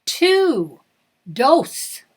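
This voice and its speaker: With her voice sitting high and her words drawn out, a woman speaks as a children's show host in a sing-song style. She coaxes young kids to repeat after her while children's music plays in the background.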